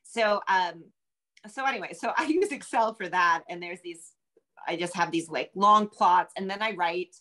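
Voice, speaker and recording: A middle-aged American novelist, appearing as a guest on a video call from a room in her home, chats casually and thinks aloud as she talks. Her voice sits on the low side, a bit bright, at a moderate pace.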